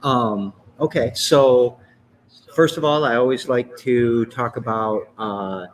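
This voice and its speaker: A man in his fifties from Lansing, Michigan, hosts a podcast in a casual interview, rambling through his life story with chuckles and self-corrections. His voice is medium-pitched and slow, and the recording is poor, with slight background noise.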